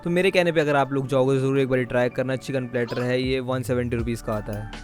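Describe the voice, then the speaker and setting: A man's voice: medium pitch, fairly even intonation, fast talker, faint music behind. A young man narrating his vlog in a chatty, storytelling voice-over. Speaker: vlogger.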